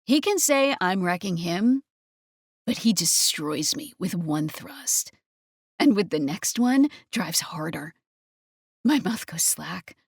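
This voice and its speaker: A woman narrating a first-person romance audiobook in a breathy, intimate manner. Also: fairly low pitch, sing-song, slow pace, dry recording, clean studio sound.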